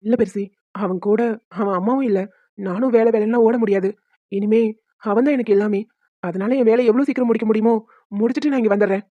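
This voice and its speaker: A woman voicing a young caring father who talks quickly and earnestly and soothes his baby. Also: a little high, no room sound, narrow, tinny audio, lightly acted. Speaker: cartoon voice actor. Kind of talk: homemade cartoon dubbing.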